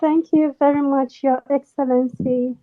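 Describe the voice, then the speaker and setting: A woman moderating a public event, briskly passing the floor to speakers in turn. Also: high voice, fairly even intonation, narrow, tinny audio.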